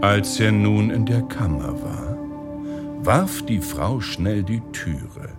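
A man reading an old folk tale aloud in an expressive storytelling manner. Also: fairly low pitch, loud music behind the voice. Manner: slow, expressive, lively intonation. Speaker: narrator.

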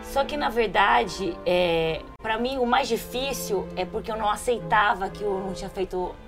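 A woman's voice: medium pitch, normal speed, music in the background. A woman in casual conversation, speaking candidly and reflectively about her own experiences. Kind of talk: casual chat.

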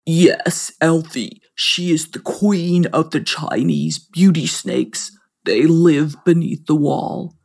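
A woman voicing a calm, advising male creature companion in a storybook. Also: deep voice, takes it slowly, vocal fry, breathy edge, full character voice. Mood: earnest.

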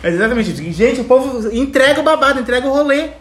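A woman's voice: high voice, animated, fast talker, slight background noise. Brash, crude young woman in an echoey room. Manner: brash, crude, cracks herself up. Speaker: podcast co-host. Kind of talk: joking group chat.

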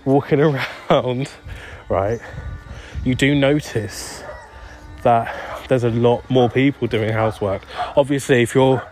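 Out walking on a street, a young man rambles through his casual solo podcast, sounding distracted and poking fun at himself. His medium-pitched voice is slow and a little mellow, with soft music in the background.

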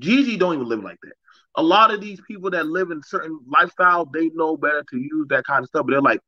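A man's voice: a little high, expressive, fast, sharp tone, no echo. A man co-hosting a casual podcast chat, talking bluntly and with energy, and slipping into voices when he quotes people. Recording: dry, dull lo-fi mic.

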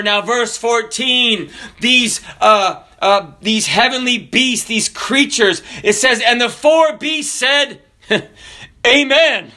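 Male preacher, Kenya-born, high bright voice, fervent sermon delivery swinging between near-shouts and hushed lows. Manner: fervent, rising to near shouts, then dropping low and soft.

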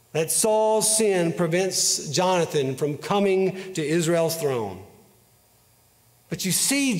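A male preacher delivers a sermon in an earnest, measured manner. His voice is high for a man, and he speaks slowly. A long reverb fills the hall around him.

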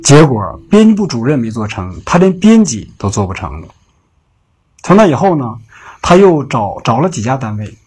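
Male storyteller for a late-night story show: husky throughout, average pitch, relaxed conversational telling. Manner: unhurried, conversational telling with filler particles.

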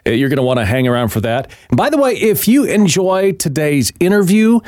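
A man's voice: a little high, big pitch swings, brisk, darkish tone, dry recording, clean studio sound. A man hosting a podcast interview, enthusiastic and jokey, asking probing questions. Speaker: podcast host.

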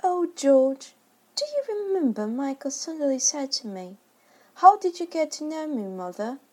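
A woman's voice: sits high, takes it slowly, voice pushed up. A woman voicing a placid, tender mother in a children's story, soothing and affectionate. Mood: fond, wistful.

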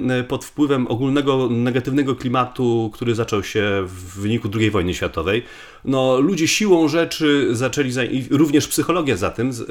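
A Polish man with a mid-range voice speaks as a guest researcher, explaining things conversationally. He thinks aloud, often repeating words and restarting his sentences.

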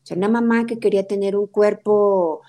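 Earnest woman, mellow voice. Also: medium pitch, fairly even intonation, fairly quick. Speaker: therapist guest. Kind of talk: reflective personal testimony.

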